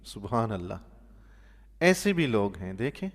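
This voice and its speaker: A man, a mosque imam giving Quran commentary, telling stories with animated bursts of loudness and soft, quiet asides. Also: fairly low pitch, long reverb tail. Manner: animated storyteller, voice swelling loudly on emphatic points; drops to a soft, quiet tone for pious exclamations. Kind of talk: sermon-style Quran commentary with storytelling.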